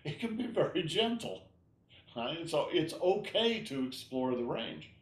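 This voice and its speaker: A man teaching an online tai chi class, explaining gently and often checking in with "all right?". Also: on the high side, very animated, a little slow. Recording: roomy echo.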